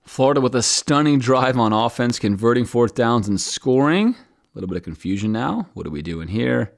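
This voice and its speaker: A man hosting a podcast, talking through game film in an animated commentary style. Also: mid-range voice, normal speed, gravelly. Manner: animated, acts out coaches and players in quoted asides.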